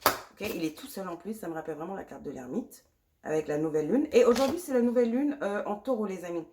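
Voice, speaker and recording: A woman's voice: fairly low pitch, expressive, fast, heavy background noise. Woman doing a pick-a-card tarot reading with a cold and sore throat, reassuring, repeats herself a lot, throws in english words, close mic. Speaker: tarot reader.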